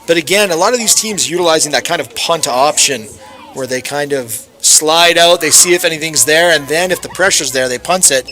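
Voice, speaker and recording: A man doing live play-by-play commentary on a football game, rising sharply in excitement on big plays. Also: fairly high pitch, a little fast.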